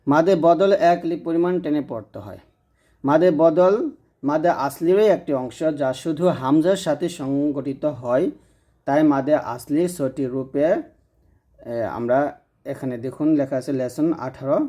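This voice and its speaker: A man's voice: on the high side, measured pace, long pauses, warm tone. A man teaching Quran reading rules in a patient explanatory lesson, repeating points and checking that listeners follow.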